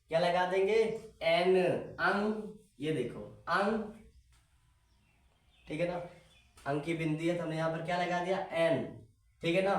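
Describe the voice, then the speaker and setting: A man's voice: on the high side, recorded from a distance. A man teaching a casual spoken lesson, often repeating himself and asking the listener questions. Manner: repetitive, keeps asking the viewer questions. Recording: echoey room, voice away from the mic.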